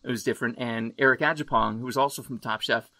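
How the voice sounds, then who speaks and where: An American man hosts a casual podcast interview over a remote video call, exuberant and swearing freely. His medium-pitched voice is fast, bright and forceful yet steady in tone, and the recording is dry.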